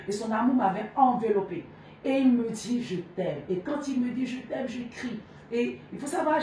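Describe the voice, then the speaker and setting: A woman's voice: a little high, a little mellow, far from the mic. Woman, emotional testimony, earnest, very echoey room, faint background noise. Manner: earnest, intense, heartfelt. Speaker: speaker giving a testimony.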